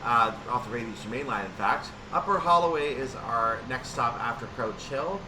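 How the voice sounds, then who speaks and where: A video game streamer with a medium-pitched voice gives play-by-play commentary on a train simulator at a moderate pace, narrating his own actions in announcer-like phrases. The mic is distant, and loud vehicle-like noise fills the background.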